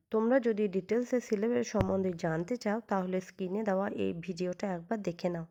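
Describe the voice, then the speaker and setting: A woman with a Bengali accent, teaching a basic English grammar lesson, reading word pairs slowly and evenly and explaining in a calm tone. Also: mid-range voice. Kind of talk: scripted lesson narration.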